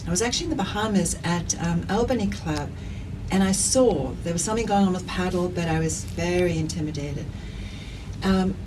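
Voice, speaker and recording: Recorded on a distant mic with clear background noise, a middle-aged South African woman who founded a padel league talks as an interview guest. Her lowish voice is brisk, energetic and earnest, and she repeats herself while thinking through her answers.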